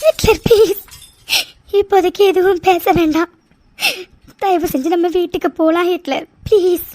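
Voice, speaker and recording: A woman's voice: extremely high pitch, moderate pace, mellow, a little hiss or hum. A woman voicing cartoon women, one hurt and one a grieving mother, in tearful, pleading tones. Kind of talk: cartoon voice acting.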